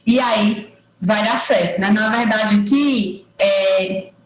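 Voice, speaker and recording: A woman's voice: mid-range voice, takes it slowly, roomy sound, background noise. Woman lecturer explaining step by step. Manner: explains step by step, checks in with tag questions. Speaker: university lecturer. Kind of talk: online engineering lecture. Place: room at home or office, recorded over a digital platform. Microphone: computer mic on a video call.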